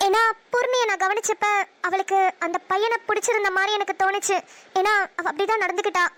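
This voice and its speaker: Very high-voiced narrating woman, Namakkal Tamil. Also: fairly even intonation, fast talker, fairly bright tone. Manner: chatty, blunt, protective. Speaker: narrator and voice actor. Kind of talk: cartoon storytelling.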